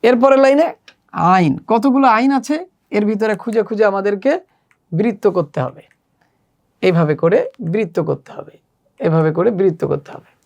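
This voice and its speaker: Speaking in a mid-range, darkish voice, this Bangladeshi-accented woman leads children through Arabic letters one step at a time. She drills pronunciation slowly, drawing out and repeating every letter.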